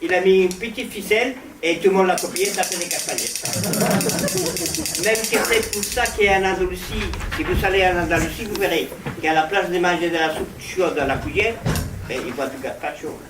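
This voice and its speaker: A man's voice: high voice, a little fast. A man presenting a live show with comic storytelling patter between acts. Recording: roomy, distant live recording, clear noise.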